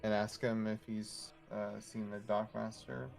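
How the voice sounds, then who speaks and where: A man's voice: fairly low pitch, little pitch movement, a little slow, creaky, darkish tone, soft background music. A man plays his part in a tabletop game, hesitant and stammering through his lines. He talks in an ordinary casual voice. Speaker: player.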